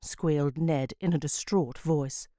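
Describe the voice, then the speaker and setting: A woman reading a children's story aloud in an animated, playful way. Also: deep voice, unhurried, dry recording, studio quality.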